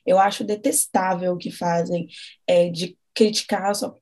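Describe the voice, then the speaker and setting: A woman's voice: on the low side, steady tone, unhurried, darkish tone. A Brazilian woman co-hosting a podcast, talking in a rambling, emotional way with nervous laughs. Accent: Brazilian Portuguese. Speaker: podcast co-host. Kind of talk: casual conversation.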